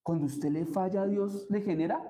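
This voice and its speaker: A man's voice: sits high, moderate pace, warm tone, poor audio. A man, preaching a sermon as pastor and putting questions to the congregation.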